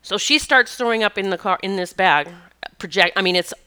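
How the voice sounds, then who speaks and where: Bright, crisp-voiced woman telling a story. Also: medium pitch, a little fast. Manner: emotional, earnest, with frequent restarts and laughs. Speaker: podcast host. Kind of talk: personal storytelling monologue.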